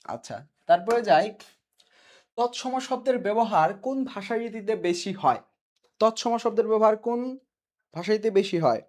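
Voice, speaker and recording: A man's voice: high-pitched, expressive, moderate pace, long pauses, darkish tone. A man with a Bangladeshi Bengali accent teaching a live online class, repeating each question and its answer and reading students' names from the comments.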